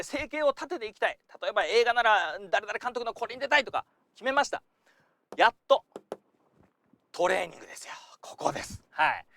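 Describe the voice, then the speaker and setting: A man's voice: very high voice, no room sound. A man giving a chatty lesson as an acting coach, talking casually and acting out little examples as he goes. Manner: lively, chatty, acts out examples.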